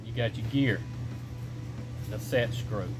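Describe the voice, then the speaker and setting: A folksy middle-aged shop owner explains a repair in his indoor workshop, taking it slowly in a fairly low voice. His casual how-to talk goes plainly step by step, with background music playing underneath.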